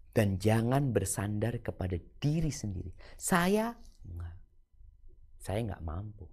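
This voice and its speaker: A man preaching and answering questions from listeners, shifting between hushed asides and raised, emphatic points. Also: lowish voice. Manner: swings between soft murmurs and raised emphatic lines. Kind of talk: sermon Q&A.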